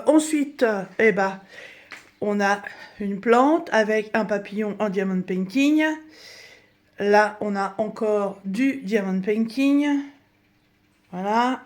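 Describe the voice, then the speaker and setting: A middle-aged woman with a slightly hoarse voice gives a casual home tour, chatting to her viewers. She talks in a halting, friendly way, full of small fillers and restarts. Her pitch sits in an ordinary middle range for a woman. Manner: chatty, hesitant with many fillers. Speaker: crafts vlogger giving a room tour. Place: dining room at home, indoors.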